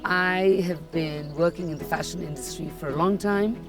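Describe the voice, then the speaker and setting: A woman's voice: fairly low pitch, normal speed, music in the background. Earnest woman from fashion, reflective. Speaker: fashion industry professional. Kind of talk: reflective documentary interview.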